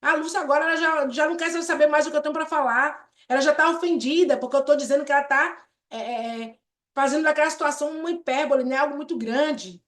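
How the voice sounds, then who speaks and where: A woman with a high voice leads a therapy group over a video call. She talks in a chatty way, turns to the group again and again, and acts out short sample conversations to show her point. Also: fast, echoey room. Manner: chatty and warm-hearted, addresses the group often as "gente", acts out example dialogues. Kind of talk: live online group session teaching.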